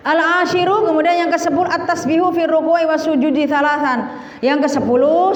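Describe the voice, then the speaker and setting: A woman's voice: mid-range voice, darkish tone, a little hiss or hum. A woman, an Islamic teacher giving a religious lesson on a classical text. She recites Arabic lines, then explains them plainly with asides. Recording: echoey hall, dull lo-fi sound.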